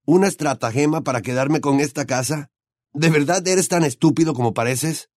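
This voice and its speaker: A man's voice: on the high side, normal speed, a little mellow, dry recording, pitched above the performer's own voice, natural voice. A man reading the lines of a defiant, sarcastic teenage boy in an audiobook, with dry mocking retorts.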